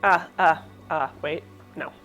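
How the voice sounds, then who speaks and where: A woman's voice: deep voice, slow, music in the background. A woman hosting a casual live cooking demo, rambling and self-deprecating while snacking between steps. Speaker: cooking show host.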